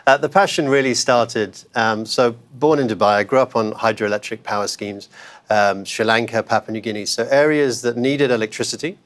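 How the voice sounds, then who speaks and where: A man guests on a podcast interview as an investment manager, chatting conversationally with many fillers and self-corrections. His mid-range voice holds a steady tone at a moderate pace.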